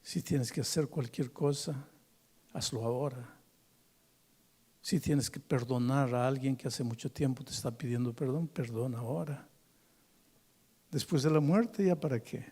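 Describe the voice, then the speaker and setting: A pastor telling a story in a sermon, swinging dramatically between hushed and forceful delivery in church. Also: male voice, mid-range voice, measured pace, long pauses, breathy edge.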